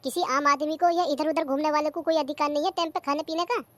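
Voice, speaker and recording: A man's voice: very high voice, fairly even intonation, fast, a bit bright, dry recording. A performer voicing an idle, demanding young husband and son in a cartoon comedy, whining about his tea and meals. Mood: complaining. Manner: demanding, whiny complaints about timing.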